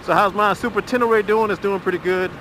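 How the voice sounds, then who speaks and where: Riding a motorcycle on a country road, a middle-aged man in his high voice offers easygoing ride commentary for his motovlog. He's talkative and relaxed, trailing off into long filler pauses. Wind and engine noise come through his helmet microphone, along with the hum of the road.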